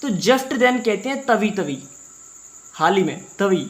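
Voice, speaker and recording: Indian man teaching English slowly in Hindi. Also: high-pitched, animated, fairly bright tone. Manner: slow word-by-word reading of English, repetitive Hindi explanations. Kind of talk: Hindi-medium English reading lesson.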